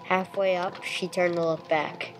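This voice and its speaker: Over music on a clearly noisy amateur recording, a woman with a lowish, steady voice plays a terse, sober police detective in an old-time radio drama style. She narrates the case at a measured pace, clipped and matter-of-fact, in a sober, reflective mood.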